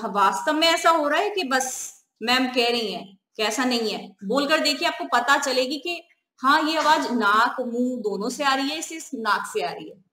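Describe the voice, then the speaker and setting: A woman teacher giving a grammar lesson, asking questions and answering them herself, and slowly repeating the key terms. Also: sits high, pushed and bright, reverberant.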